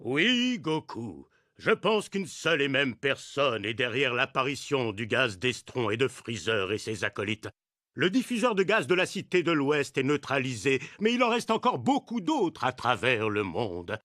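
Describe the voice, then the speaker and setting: Earnest cartoon guardian deity, very animated. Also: male voice, mid-range voice, a little slow, no echo, studio quality. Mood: urgent, earnest. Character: wise male guardian deity giving urgent counsel. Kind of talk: French anime dub.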